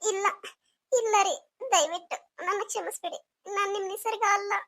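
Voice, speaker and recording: A woman plays a young bride in a home-made audio drama, crying and pleading in a very high, thin voice. She halts and stumbles before getting her words out. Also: bright, forceful tone, a little hiss or hum, heavily acted. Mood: confessing. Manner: halting, hesitant speech.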